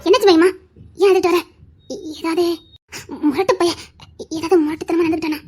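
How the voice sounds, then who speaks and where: A woman's voice: extremely high pitch, steady tone, a little fast, darkish tone, soft background music, voice pushed down. A woman voicing a fond older aunt and mother-in-law in an audio love story, soothing and insistent. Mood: coaxing.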